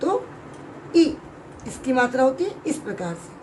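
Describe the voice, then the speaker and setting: A woman teaching young children a grammar lesson, explaining slowly and clearly, stretching out sounds and often checking whether they have understood. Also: high-pitched, very animated, a little mellow, a little hiss or hum, rough recording. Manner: drawn-out sounds, frequent check-in questions. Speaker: Hindi teacher.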